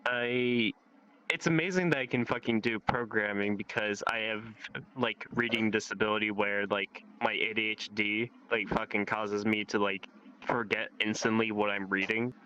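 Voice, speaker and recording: A teenage guy chats as a guest in a VR social game's voice chat, rambling about his life, cursing casually and leaning on "like." His lowish voice has fairly even intonation, a normal speed, and a pushed, bright, clean tone, though the audio quality is poor.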